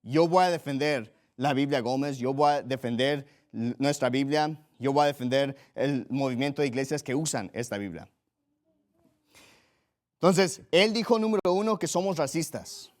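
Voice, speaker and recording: A man from Mexico, a pastor, preaching a combative sermon in a forceful style, often restarting and repeating words as he drives home pointed questions. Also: mid-range voice, normal speed.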